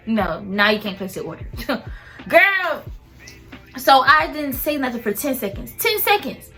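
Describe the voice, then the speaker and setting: A young woman in a casual storytime rant about fast food work, animated and mimicking customers. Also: sits high. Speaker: vlogger and fast food worker.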